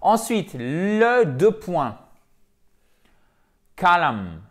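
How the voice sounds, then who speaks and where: A man teaching a video lesson for French speakers, lively and repeating words to drill their pronunciation. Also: on the high side, normal speed. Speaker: English teacher.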